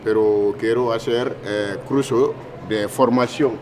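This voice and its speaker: A man's voice: mid-range voice, steady tone, slow pace. A man from Guinea with a Guinean accent, speaking imperfect second-language Spanish in a street interview. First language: not Spanish. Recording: outdoor street with clear traffic noise.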